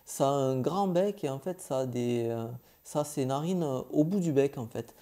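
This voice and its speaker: A young man recapping his travels in a casual vlog, chatty and informal, pausing often on filler sounds. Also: medium pitch, expressive, warm tone. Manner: hesitant, many filler "euh"s, chatty and informal. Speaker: travel vlogger.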